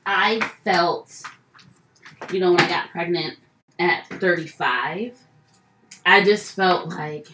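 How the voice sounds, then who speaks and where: Rambling, animated woman in an echoey room. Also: fairly low pitch, slow pace, long pauses, music in the background. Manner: rambling, animated, self-correcting. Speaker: podcast co-host. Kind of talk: casual chat.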